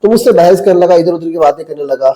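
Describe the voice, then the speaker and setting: A man's voice: a little high, mellow, rough recording. A male mufti giving a religious talk to camera, telling a story and then preaching in a blunt, combative, lecturing way. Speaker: mufti, Islamic cleric.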